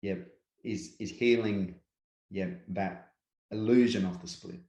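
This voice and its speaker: An Australian man with a lowish voice talks through ideas in an unhurried, reflective way, often dropping in "yeah" and "yep". His voice carries a noticeable room echo. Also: steady tone, dark tone, dull audio. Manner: unhurried, filler-heavy, repeats "yeah" and "yep". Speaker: guest speaker, workshop presenter. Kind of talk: reflective conversational interview.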